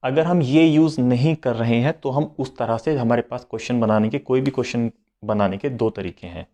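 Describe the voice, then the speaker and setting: A man's voice: medium pitch, moderate pace, dark tone. A man teaching a beginners' language lesson, switching between Hindi and English and repeating each point. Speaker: French teacher. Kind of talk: slow explanatory lesson.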